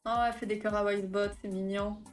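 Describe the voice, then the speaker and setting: A woman's voice: mid-range voice, little pitch movement, fast, faint music behind. A woman therapist hosting a live stream, explaining phobias in a chatty, casual way with many fillers and asides to her chat.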